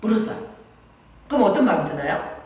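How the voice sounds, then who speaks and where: A woman's voice: lowish voice, big pitch swings, fairly quick. A woman giving a lecture on talking with children, asking her listeners questions and acting out parent and child exchanges. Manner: asks the audience rhetorical questions; acts out mother and child dialogues. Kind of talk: church training lecture. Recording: very echoey hall, mic far off.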